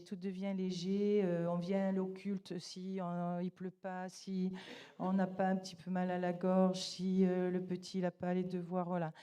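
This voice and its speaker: A middle-aged woman shares her testimony at a church service, speaking earnestly and stopping often to restart her thoughts. Her voice is mellow and warm, pitched at an ordinary middle height. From Italian roots. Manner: earnest, halting with many restarts. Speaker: guest speaker giving a testimony.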